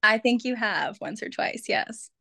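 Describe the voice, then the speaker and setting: Giggly Minnesotan woman, bright voice. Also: on the high side, lively intonation, unhurried, gravelly, dry recording. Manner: giggly, playful and flirty. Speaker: podcast guest. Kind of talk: casual chat.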